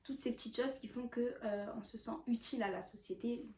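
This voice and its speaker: A woman's voice: a little high, brisk, a little mellow. A young woman vlogging casually about self-improvement, hesitant with many fillers and restarts. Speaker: YouTuber. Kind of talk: casual self-help vlog talk. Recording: echoey room, mic at a distance, faint background hiss.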